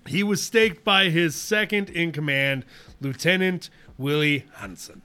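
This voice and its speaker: Young male podcast host, bright and a touch high, loose and laughing while he reads notes. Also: measured pace, clear, resonant tone. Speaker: podcast co-host presenting research. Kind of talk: casual chat.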